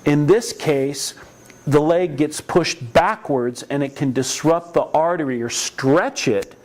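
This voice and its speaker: A man's voice: a little high, slow, a little mellow. Man lecturing a class on first aid. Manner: conversational, anecdotal, with frequent restarts. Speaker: EMS instructor. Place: training classroom.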